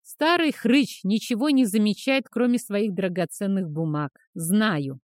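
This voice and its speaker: A woman's voice: medium pitch, measured pace, no echo, studio quality, natural voice. A woman reading the part of a sarcastic, cheeky teenage boy who was a thief, in a mocking manner.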